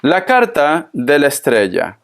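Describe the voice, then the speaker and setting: A man's voice: on the high side, huge pitch swings. A man giving a spoken tarot reading, talking to the listener in a consoling, tender way and repeating his phrases. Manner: slow, repetitive, consoling, addresses the listener tenderly. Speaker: tarot reader.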